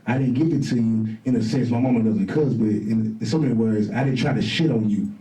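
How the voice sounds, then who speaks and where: A middle-aged man, a podcast guest telling stories casually and acting out quoted voices loudly. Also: mid-range voice, brisk. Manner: animated, acts out quotes in raised voice. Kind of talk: casual storytelling. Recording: roomy, distant mic.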